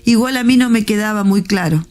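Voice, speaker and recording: A woman gives a heartfelt faith testimony. Her voice is mellow and dark in tone, with a soft, repetitive delivery. Faint music plays underneath. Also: medium pitch, brisk. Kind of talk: emotional spoken testimony.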